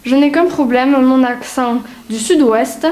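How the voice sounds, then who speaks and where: A young woman doing a halting comic monologue. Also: high voice, darkish tone, low-quality recording. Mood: hesitant. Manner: hesitant, halting with fillers. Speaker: acting student at a casting.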